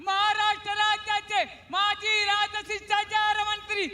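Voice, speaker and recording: Very high, slow, flat chanting announcer man. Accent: Marathi. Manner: chanting long honorific titles in drawn-out declamation. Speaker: rally announcer. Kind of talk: ceremonial announcing.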